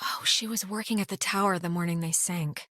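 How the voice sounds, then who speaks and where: A woman's voice: fairly low pitch, steady tone, fairly quick, loud music behind the voice. A woman giving casual commentary on a game.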